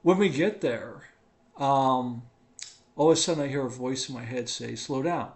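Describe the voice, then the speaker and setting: A man's voice: medium pitch, moderate pace. A man in a home living room, casually telling a personal testimony, rambling and checking in with "right?" and "okay?".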